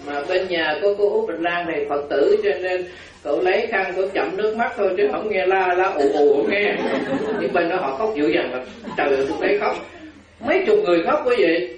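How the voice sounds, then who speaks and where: A man, a Buddhist monk giving a humorous storytelling sermon and laughing as he goes. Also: high voice. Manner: humorous, laughing while telling anecdotes. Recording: roomy, distant, dull hall recording with audience. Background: audience laughter.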